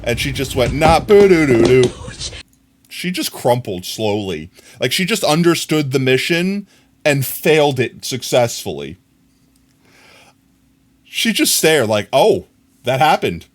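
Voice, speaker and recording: A man streaming live, chatting to his viewers and riffing on funny clips in a relaxed, amused way. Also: mid-range voice, a little slow, long pauses. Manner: chatty, amused, talks to chat. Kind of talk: casual live-stream commentary.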